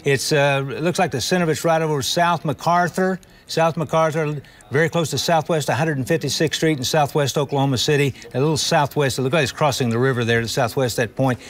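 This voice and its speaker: Higher-voiced male TV weather anchor, directive. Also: steady tone, a little fast. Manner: directive, repeats phrases, thinks aloud. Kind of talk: live emergency weather coverage. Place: TV studio.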